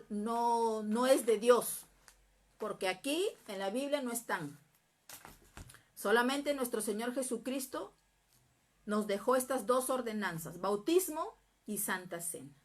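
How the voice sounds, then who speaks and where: Woman Bible teacher with a fairly high voice, earnest and repetitive, checking in with a quick "mm?" now and then. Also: fairly bright tone. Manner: acts out prayers and quoted speech.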